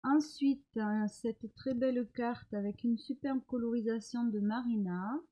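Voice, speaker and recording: A middle-aged woman vlogger showing crafts she got in the mail, talking hesitantly with many pauses while recovering from an illness. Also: on the high side, muffled recording. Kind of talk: casual show-and-tell of mail.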